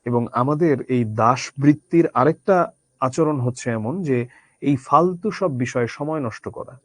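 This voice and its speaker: A man's voice: mid-range voice, unhurried, a bit bright, no echo. Man lecturing, dry and close. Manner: conversational, addresses students directly, rhetorical questions. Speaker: teacher. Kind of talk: Bangla literature lecture.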